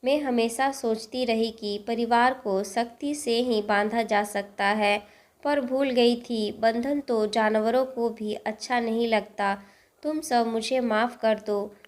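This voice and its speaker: A woman voicing a stern old grandmother who speaks quietly and slowly with regret, in a storybook reading. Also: a little high, steady tone. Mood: remorseful.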